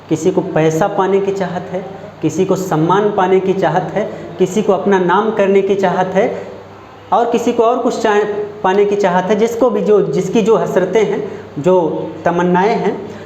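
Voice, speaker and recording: Brief: male Hindi grammar teacher, Uttar Pradesh accent, high voice, echoey classroom with faint noise. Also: a little mellow. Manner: slow and deliberate, repeating phrases and checking understanding. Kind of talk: classroom lesson.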